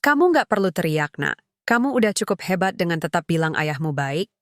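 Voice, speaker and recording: A woman voicing a humble, remorseful middle-aged father who speaks gently and earnestly in a storybook dialogue. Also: fairly low pitch, sing-song, fairly quick, no echo, clean studio sound. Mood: reassuring.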